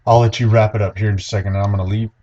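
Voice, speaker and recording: A man's voice: lowish voice, flat delivery, racing, warm tone. A young man co-hosting a sports podcast, rambling in a folksy way. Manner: rambling, folksy, says "y'all" a lot. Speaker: podcast co-host. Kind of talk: casual sports chat. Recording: dull lo-fi sound.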